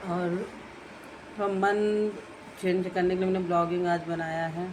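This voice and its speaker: A woman in her thirties talks through her day for a casual vlog. Her voice stays soft and unhurried, with very little rise and fall. Her pitch sits in a middling-to-low range. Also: fairly even intonation, noisy background. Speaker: vlogger and mother.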